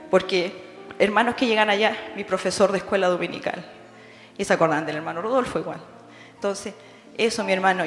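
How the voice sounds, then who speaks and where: Middle-aged Chilean woman, emotional memorial testimony before a congregation, echoing church hall, faint music under her. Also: mid-range voice. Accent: Chilean Spanish. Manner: heartfelt, emotional, calls listeners "hermano". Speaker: bereaved daughter giving testimony.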